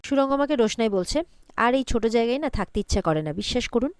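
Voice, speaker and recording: A woman quickly retelling a TV serial episode, running narration and every character's quoted lines together in one steady storytelling voice. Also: fairly high pitch, dry recording, studio quality.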